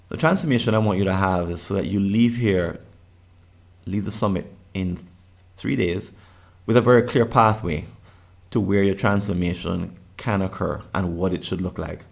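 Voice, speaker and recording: A middle-aged Jamaican-accented man presents a summit session earnestly in a low, gravelly, slightly mellow voice. He often restarts phrases and repeats words.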